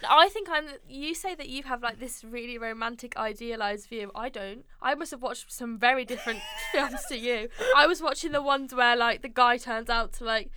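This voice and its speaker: Bright clear-voiced teasing young woman. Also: on the high side, normal speed, few pauses. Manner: teasing, expressive, laughs often. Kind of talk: casual chat.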